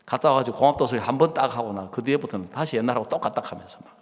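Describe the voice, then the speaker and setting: A pastor telling a sermon story and acting out both sides of the dialogue. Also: male voice, medium pitch, animated, racing. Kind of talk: sermon with acted-out anecdote. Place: church sanctuary. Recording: long church reverb.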